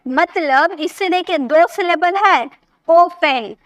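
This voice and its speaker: A woman with a high, bright voice gives an English grammar lesson. She goes slowly and patiently, repeats herself and keeps checking that her students understand. The sound is dry and close, with no room echo. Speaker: English teacher.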